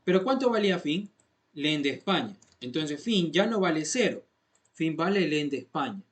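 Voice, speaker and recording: A man's voice: a little high, sing-song, normal speed. A man walks students through code one step at a time. He repeats each point patiently and keeps checking that they follow. The tone is that of a classroom lesson. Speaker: programming instructor.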